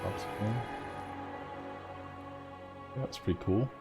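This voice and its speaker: Deep-voiced man playing a game. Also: takes it slowly, loud music behind the voice. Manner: relaxed, muttering remarks to himself. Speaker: let's play host. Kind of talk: casual game commentary.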